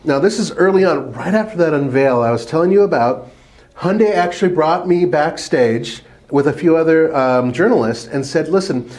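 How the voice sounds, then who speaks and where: A man co-hosting a podcast, chatting casually and telling stories in an animated way. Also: a little high, moderate pace. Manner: animated storyteller. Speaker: podcast co-host. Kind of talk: casual chat about trucks.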